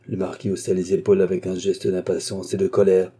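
Guy reading an old novel aloud, steady pace, really dark voice, kinda husky. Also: deep voice, a little fast. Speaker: narrator. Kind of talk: audiobook reading of a classic novel.

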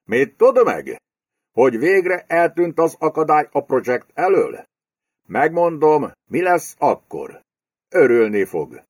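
A man's voice: a little high, big pitch swings, slightly rough, no echo, studio quality, pitched above the performer's own voice, heavily acted. A man voicing a fat, domineering male property speculator who talks in a crude, bullying, menacing way in an audiobook. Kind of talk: audiobook character voice.

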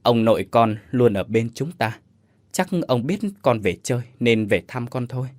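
A man voicing a gentle old village grandmother who talks in a soothing, affectionate way. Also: medium pitch, moderate pace, no echo, close to an everyday voice.

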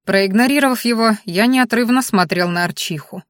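A woman's voice: on the high side, moderate pace, dry recording. A woman narrates an audiobook in first person, reading evenly and steadily. Her voice sits mid-range, recorded close and dry with no room sound.

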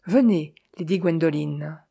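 A woman reading an audiobook voices a haughty male hypnotist who speaks slowly, calmly and from a lofty distance. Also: sits low, creaky, breathy edge, no echo, clean studio sound, heavily acted. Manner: slow, lofty and calm.

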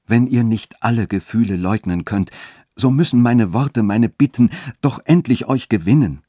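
A man's voice: medium pitch, lively intonation, normal speed, darkish tone, husky, no echo, studio quality, voice pushed up. A man voicing a passionate young lover who pleads fervently and urgently. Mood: pleading ardently.

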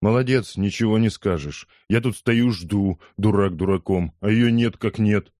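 Man doing a gruff drunk young man. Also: on the low side, normal speed, a little mellow, no room sound, studio quality, voice pushed up, lightly acted. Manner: gruff, snapping. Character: drunk rough young man, surly then remorseful.

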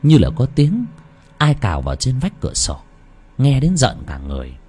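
A man narrating a ghost story in an expressive, dramatic way. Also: normal speed, slightly rough, faint music behind. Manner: expressive, swooping between high and low.

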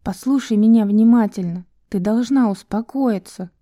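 An earnest, patient young woman in an audiobook, urging and soothing in a raised, clear pitch, as a woman narrator plays her. Her tone is warm and dark, and the recording is dry and close. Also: moderate pace, no room sound, lightly acted. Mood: gentle. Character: calm, cautious young blonde woman, patient and persuasive.

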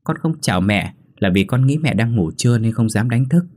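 Man putting on a young woman, higher-pitched, defiant, talks back, audio ghost story, husky timbre. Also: animated, brisk, darkish tone, close to an everyday voice. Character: defiant young daughter-in-law, pregnant.

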